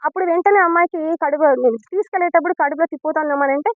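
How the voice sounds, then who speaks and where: A woman's voice: extremely high pitch, rapid-fire, dry recording, phone-quality sound. A woman gives a statement to news reporters as a mother and teacher. She sounds earnest and upset and recounts events step by step, ending sentences politely. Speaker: mother and school biology teacher.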